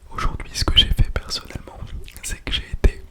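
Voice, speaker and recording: Man whispering softly, quiet late-night ASMR. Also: brisk. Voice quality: soft breathy whisper with audible nose breath on the mic. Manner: hushed, quiet-at-night bedtime murmur, lingering repetition of words. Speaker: ASMR content creator. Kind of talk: ASMR vlog, whispered casual chat. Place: small home toilet room, indoors. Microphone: close sensitive microphone without windscreen.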